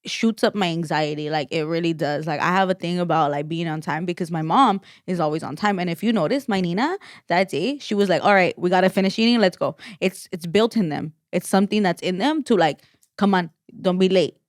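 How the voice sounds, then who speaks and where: A woman's voice: fairly low pitch, a little fast, dry recording, studio quality. A woman co-hosting a podcast in casual chat, rambling with lots of "like" fillers and restarts. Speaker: podcast co-host.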